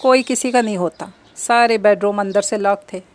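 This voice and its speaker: A woman narrating a romantic novel as an audiobook, steady and gentle. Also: mid-range voice, normal speed.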